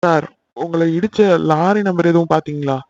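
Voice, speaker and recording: A man voicing a polite, dutiful police officer who questions a victim in a courteous, matter-of-fact way, in an amateur animated serial. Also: a little high, moderate pace, no room sound, muffled recording, lightly acted.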